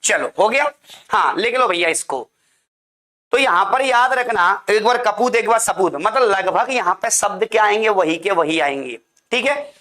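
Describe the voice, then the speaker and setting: A man's voice: sits high, expressive, normal speed, pushed and bright. A man teaching an online class, drilling points with repeated questions and answers and calling his students "beta".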